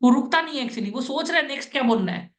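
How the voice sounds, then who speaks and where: A woman with a fairly high voice and an Indian accent coaches a job candidate in Hindi. She repeats her points over and over in a casual, instructive way and laughs often. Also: animated, quick pace. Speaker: interview coach.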